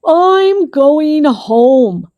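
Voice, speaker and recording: Casting: a woman putting on a grumpy storybook bear, slow, pompous and formal, with a loud, lively delivery. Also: high voice, lo-fi sound, heavily acted. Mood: gloomy.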